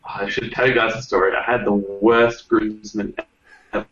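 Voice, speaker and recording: A man's voice: on the low side, level tone, normal speed, a bit bright, roomy sound, muffled recording. A man with an Australian accent in a casual group chat, dry and joking.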